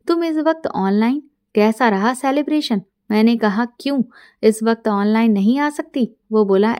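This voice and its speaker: A middle-aged woman tells a first-person story and reads all the parts herself in a calm, even manner. Her voice sits a little high and sounds warm and mellow.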